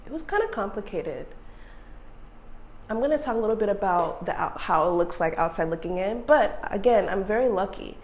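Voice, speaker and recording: A woman's voice: mid-range voice, lively intonation, a little fast, a little hiss or hum. Earnest woman interpreter speaking steadily. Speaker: sign language interpreter. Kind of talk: spoken interpretation in first person.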